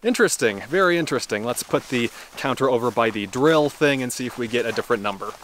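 Narrating a casual outdoor travel vlog at a remote test site, a young adult man is easygoing, thinks aloud, and laughs lightly as he goes. His mid-range voice is expressive and fairly bright, fast-paced, with slight background noise.

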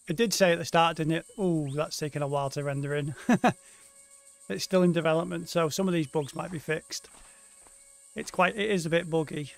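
A man with a fairly high voice gives casual let's play commentary. He is offhand and wry, and faint game music runs behind him.

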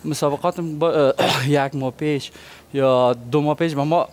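A man's voice: on the high side, fairly even intonation. A young man with an Afghan Dari accent, a martial arts contestant answering the host modestly and hesitantly. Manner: modest, hesitant, clears throat often. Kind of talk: casual interview answers.

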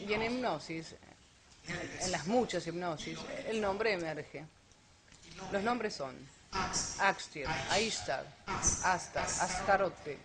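Explaining speaker over crowd noise. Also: medium pitch. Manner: explanatory, rhetorical questions. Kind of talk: lecture on alien abduction.

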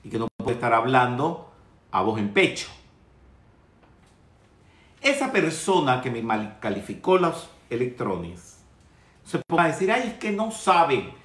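A man's voice: medium pitch, very animated, a little slow, long pauses, a bit bright, roomy sound. A man teaching a spiritual lecture in a trained, projected voice, scolding and teasing his listeners with humorous asides. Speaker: metaphysics teacher.

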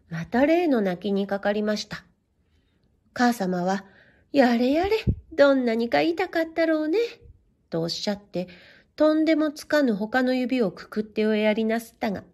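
A woman reading a children's story aloud in gentle, measured, old-fashioned storybook narration. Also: a little high.

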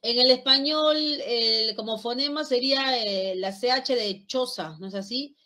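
A woman's voice: on the high side, unhurried, bright, forceful tone. A woman from Lima with a Peruvian accent, teaching a class and demonstrating speech sounds aloud, checking in with her students often. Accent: Peruvian Spanish (Lima). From Lima, Peru. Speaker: lecturer. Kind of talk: online class lecture.

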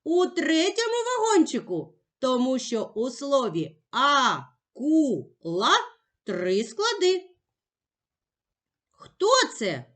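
A woman teacher giving a slow, clearly articulated lesson for young children. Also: sits high, huge pitch swings, fairly bright tone.

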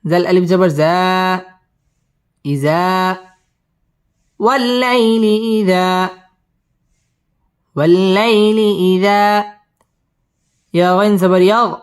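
A man teaching Quran recitation: he spells each word letter by letter, recites it slowly and drawn out, and explains the pronunciation rules quickly in between. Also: sits high, clear, resonant tone.

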